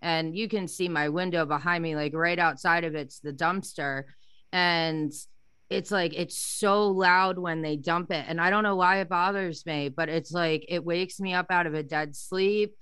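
A woman's voice: on the low side, steady tone, unhurried, a bit bright, clear, resonant tone, dry recording. A young adult woman hosting a podcast, chatting candidly and telling stories. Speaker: podcast host. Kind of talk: casual conversational interview.

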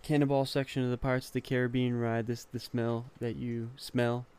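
Easygoing male co-host with a flat, even delivery and a teasing edge. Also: mid-range voice, a little fast, smooth. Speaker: podcast co-host. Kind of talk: casual podcast chat. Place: studio.

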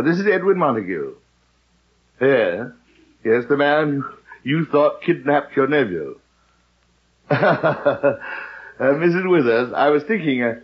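An actor playing an exasperated, pompous husband with a theatrical, grumbling manner in an old radio comedy. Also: male voice, mid-range voice, lightly acted. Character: exasperated, pompous married man with a beard. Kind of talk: 1940s-50s radio comedy acting. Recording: dull vintage radio recording.

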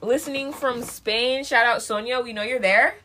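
A woman's voice: on the high side, moderate pace, pushed and bright, slight background noise. A woman co-hosting a podcast in casual chat, chatty and joking, laughing often as she talks. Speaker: podcast co-host.

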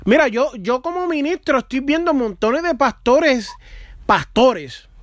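A man's voice: very high-pitched, big pitch swings, a little slow, no echo, clean studio sound. A man who works as a minister, telling a personal story in an earnest, conversational way during a faith talk. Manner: conversational, earnest, with fillers like "mano".

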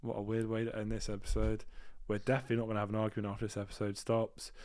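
A man's voice: on the low side, monotone, very fast, darkish tone. A man with a British accent that has drifted partly American, hosting a show with playful improvised banter. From Britain. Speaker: show host.

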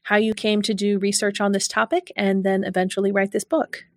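Measured woman podcast host. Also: mid-range voice, little pitch movement. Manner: clear, measured, read introduction. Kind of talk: scripted podcast intro and interview questions.

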